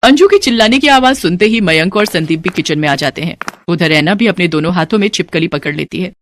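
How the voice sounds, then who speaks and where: A woman narrating a scripted family story in a plain, steady way. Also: fairly low pitch, brisk.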